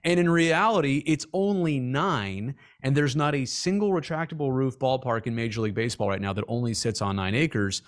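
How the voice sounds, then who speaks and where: A man's voice: medium pitch, a little fast, hardly any pauses. A man, a sports reporter guest on a podcast, making points animatedly with humorous comparisons in casual chat.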